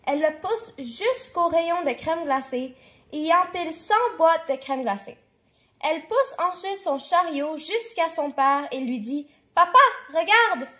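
A woman reading a children's bedtime story aloud. Her voice sits very high, and her reading is clear and lively. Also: measured pace. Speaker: storybook reader.

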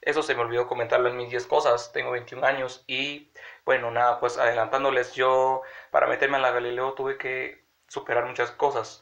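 A raspy young vlogger with a cold, congested and sick, rambles chattily to viewers in a casual vlog from a small room in his house. His voice is mid-range with a sharp tone, and the phone camera at arm's length gives the audio a dull, lo-fi quality.

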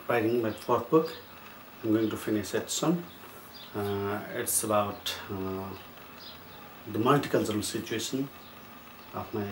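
A middle-aged man from Nepal answering interview questions as a writer, speaking in a measured way with many pauses and fillers. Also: on the low side. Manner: measured, with frequent hesitations and fillers. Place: plain indoor room. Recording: echoey room with faint noise.

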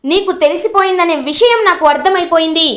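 A stern mother in a retold serial, firm and deliberate, as a woman storyteller puts her on. The voice is high. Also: a bit bright. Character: stern mother revealing a family secret.

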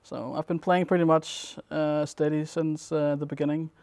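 At a normal speed, a young man from Denmark who plays games competitively gives relaxed, rambling interview answers packed with fillers. His tone is clear and smooth, a touch high for a man, and flat. Close, dry audio with no room sound captures him in a dim indoor room at a gaming event.

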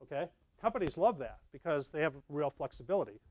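With a voice a little on the high side and a quick pace, a middle-aged man gives a conversational tech talk at a meetup, playfully acting out small scenes. His slides are shown in a dark meeting room with a projector, and there's no room sound at all.

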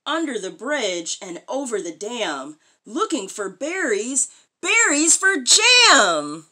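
A woman in her thirties reading a picture book aloud to a young child in an expressive, sing-song way, adding questions and comments. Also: a little high, slow. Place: small furnished room indoors.

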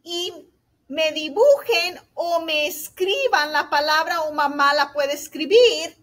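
A woman teacher giving a remote lesson to young children, slow, sweet and encouraging, asking "ok?" often and mixing in English words. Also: high voice, fairly bright tone. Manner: mixes in English words like "so" and "all right".

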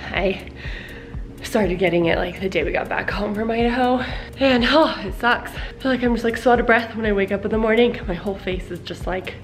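A woman's voice: mid-range voice, fairly quick, faint music behind. Young woman vlogger: breathless and congested, casual filler-heavy chatter at home. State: out of breath from a workout, congested with a cold. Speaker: family vlogger. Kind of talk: casual vlog chat.

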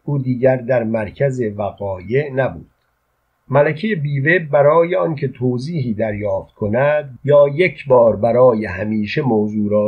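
Measured male reader for a literary novel, husky tone, muffled lo-fi sound. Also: medium pitch. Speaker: audiobook narrator. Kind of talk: literary audiobook reading.

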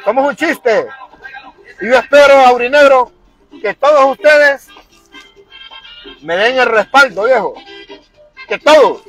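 Angry high-voiced Honduran man ranting. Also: animated, slow pace, pauses often, fairly bright tone, soft background music, poor audio. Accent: Honduran Spanish. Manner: fired-up, crude, repetitive ranting. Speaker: football fan vlogger. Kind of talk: angry fan rant to camera.

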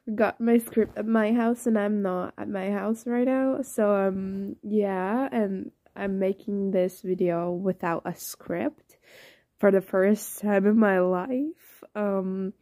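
A tired young woman with a rough voice, rambling and apologetic as she introduces her audio drama. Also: mid-range voice, fairly even intonation, slow, mellow. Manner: rambling, apologetic, many fillers. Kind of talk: casual intro chat.

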